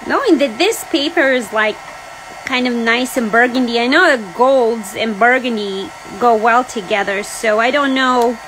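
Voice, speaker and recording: Chatty high-voiced woman crafting. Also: unhurried, fairly bright tone, slight background noise, poor audio. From Serbia. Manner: chatty, thinks aloud, laughs easily. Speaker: card-making host. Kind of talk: casual craft demo livestream. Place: craft desk indoors. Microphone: overhead camera on desk.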